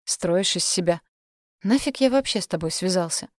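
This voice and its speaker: A man's voice: high-pitched, lively intonation, moderate pace, no echo, clean studio sound. Woman doing a rude, irritated young man. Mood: mocking. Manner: harsh and mocking.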